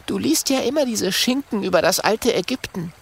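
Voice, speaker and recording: A man's voice: high voice, expressive, normal speed, gravelly, husky, voice pushed up, exaggerated voice. A man voicing a teasing young girl who mocks her friend. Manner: mocking, teasing.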